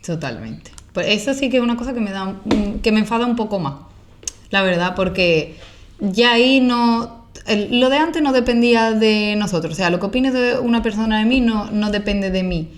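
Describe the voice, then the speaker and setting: A woman's voice: medium pitch, animated, moderate pace. Casting: young woman, Andalusian accent, mid-range voice, casual interview guest, outspoken and colloquial. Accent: Andalusian Spanish. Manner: colloquial, emphatic, with rhetorical questions. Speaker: guest, social media creator and activist. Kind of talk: casual, opinionated interview talk.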